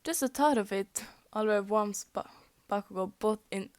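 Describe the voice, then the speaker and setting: A young Norwegian woman, Norwegian being her first language, reads fan fiction aloud at a moderate pace in a medium-pitched, darkish voice. She often stumbles over words and laughs at her own slips, with no room sound in the recording.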